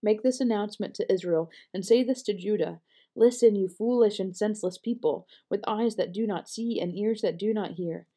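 A woman reading scripture aloud in a measured, earnest way, with the odd small slip. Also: mid-range voice, dark tone. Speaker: scripture reader.

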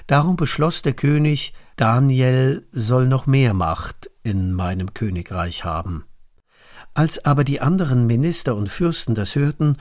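A man reading a children's Bible story aloud, slow, clear and deliberate, on a close studio mic. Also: mid-range voice, a little mellow, dry recording. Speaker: reader.

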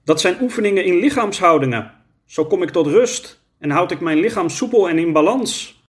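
A man's voice: high voice, lively intonation, moderate pace, voice pushed up. Een man die een rustige zwerver speelt. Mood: calm. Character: calm, easygoing adult man, a drifter.

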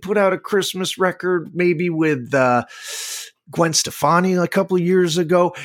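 A man's voice: fairly high pitch, fairly bright tone. A man co-hosting a casual chat, rambling with lots of fillers and restarts. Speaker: podcast co-host.

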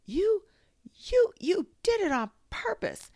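A woman voicing a small, timid young male piglet in a storybook, protesting indignantly in a squeaky, spluttering way. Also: huge pitch swings, drawn-out words, gravelly, pushed and bright, no room sound, clean studio sound, heavily acted. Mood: frantic, squealing.

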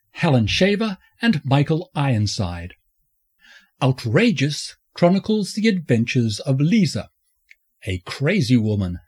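A man hosting a film review podcast, reading scripted narration in a campy, flamboyant drag-queen manner with a husky voice. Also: fairly high pitch, a little mellow.

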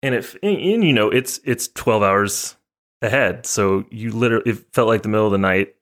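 A man's voice: lowish voice, a little fast, a bit bright. A man co-hosting a podcast, chatting casually and telling a travel story, acting out the other people in it. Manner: storytelling, acts out voices of others. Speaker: podcast co-host. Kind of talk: casual chat.

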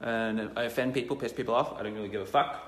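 Blunt male self-help lecturer, bright and forceful, with a long hall echo. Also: medium pitch, fast talker. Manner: blunt, emphatic, swears. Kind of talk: lecture with sales pitch.

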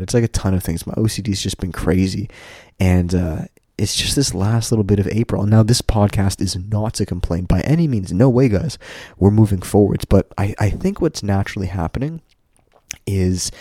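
A man with a low, relaxed voice and a slightly congested nose speaks as a podcast host. He rambles candidly and informally, addressing his listeners directly. The sound is close and dry. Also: normal speed, no echo. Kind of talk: casual solo podcast monologue.

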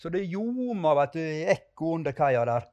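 Fervent man preaching, slightly high. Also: big pitch swings, darkish tone, lo-fi sound. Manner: fervent, emphatic prayer. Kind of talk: testimony and prayer in a sermon.

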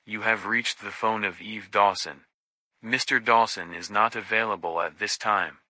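A man's voice: on the low side, moderate pace, no echo. An actor voicing a formal recorded voicemail greeting from a man, heard over a phone line. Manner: formal, even recorded announcement.

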